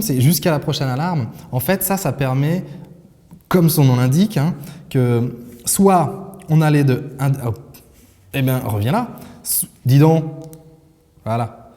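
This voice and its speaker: A man's voice: mid-range voice, mellow, long reverb tail. Chatty man demoing a phone. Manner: chatty, many fillers and restarts. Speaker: tech video host. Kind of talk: casual product demo.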